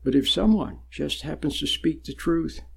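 A man giving a sermon-like spiritual talk, slow and deliberate, with long pauses and sudden emphatic rises. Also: on the high side, vocal fry, slightly rough. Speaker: spiritual teacher.

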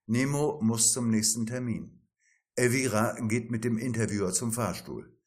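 A man's voice: medium pitch, fairly even intonation, normal speed. A man narrating a satirical story in a dry, ironic tone, reading every part himself.

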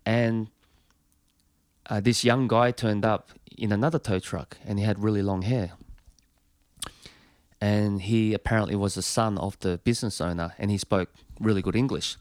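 A man's voice: lowish voice, fairly even intonation, moderate pace, long pauses, no echo. A touring musician, a man, telling a long anecdote with a rambling manner full of fillers and restarts.

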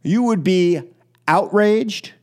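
Speaking slowly in a high-pitched voice, an American man hosts political talk radio with opinion monologues and callers. He comes across as emphatic and exasperated, often repeating himself and throwing out rhetorical questions.

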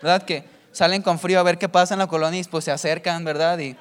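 A man preaches, chatty and casual. He keeps checking in with the listener, and his voice sits high for a man. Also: steady tone, fast talker, clean tone. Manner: chatty, keeps asking ¿verdad?. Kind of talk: sermon with humorous anecdotes.

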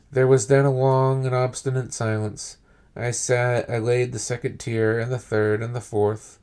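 Male podcast host, horror story reading, deliberate pacing, measured phrasing, mid-pitched voice. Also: darkish tone.

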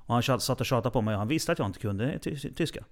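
A man from Sweden in casual chat, telling lively anecdotes and acting out the voices of people he quotes. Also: medium pitch.

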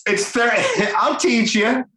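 The recording is roomy and echoing, with a podcast host of middling pitch speaking in a Brooklyn accent. The talk is casual and unscripted, with phrases often doubled up in an informal way. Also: lively intonation, slow pace, a crowd in the background. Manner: informal, repeats words and phrases. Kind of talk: casual, off-the-cuff interview chat.

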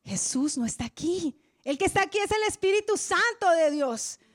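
High-voiced woman preaching with passion. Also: expressive, normal speed, no echo, studio quality. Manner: impassioned, swings from loud to hushed. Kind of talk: sermon.

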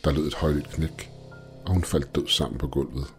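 Steady, measured male horror narrator with an extremely low voice, faint music underneath. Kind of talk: first-person horror story narration.

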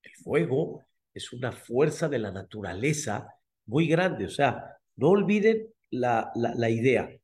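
A man with a Mexican Spanish accent giving a sermon as a rabbi, telling the story with emphatic repetition and frequent throat clearing. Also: mid-range voice, expressive, unhurried, darkish tone. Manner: emphatic, repeats key words, clears throat often.

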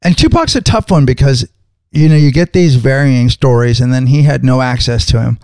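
A man's voice: medium pitch, brisk, darkish tone, no echo, studio quality. A man co-hosting a casual podcast, rambling and agreeing often. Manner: rambling, restarts, frequent "right". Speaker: podcast co-host. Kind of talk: casual chat.

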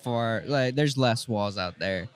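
A man's voice: medium pitch, takes it slowly. A man from Hawaii, a graffiti artist, explaining things in an easygoing, joking way. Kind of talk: casual interview.

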